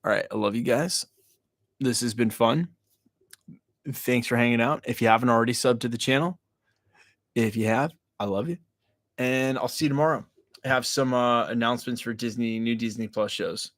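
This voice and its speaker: A man's voice: mid-range voice, moderate pace, pauses often, no room sound, studio quality. A man hosting a late-night livestream, chatting casually with viewers in a loose, profane, slang-heavy way. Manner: loose and profane, joking rants to chat; slang-heavy, addresses viewers as "y'all" and "bro". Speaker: livestream host. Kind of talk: casual livestream chat, reading and answering viewer comments.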